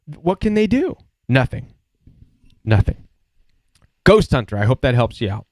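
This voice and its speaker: A man's voice: mid-range voice, sing-song, unhurried, a little mellow, no room sound, studio quality. A man hosting a live support show, answering viewer questions in an earnest, emphatic way and repeating his key points.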